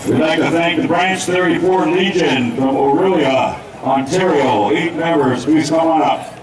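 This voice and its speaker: Man, powwow emcee, name-by-name announcements, higher-pitched, distant echoey outdoor PA. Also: unhurried. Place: outdoors at a public gathering. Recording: echoey outdoor PA from far off, crowd.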